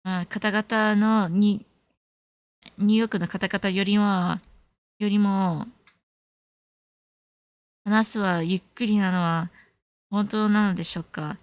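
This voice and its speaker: A woman's voice: mid-range voice, steady tone, slow, pauses often, no room sound. A young woman from California, chatting casually as a stream host, switching between Japanese and English and laughing often. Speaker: livestream host. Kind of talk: casual chat answering viewers.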